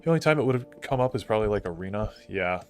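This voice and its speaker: Low-voiced young man streaming a game. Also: animated, very fast, a little mellow, faint music behind. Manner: chatty, answers chat and thinks aloud, many "like" fillers. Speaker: gaming streamer. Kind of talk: casual live-stream chat while playing.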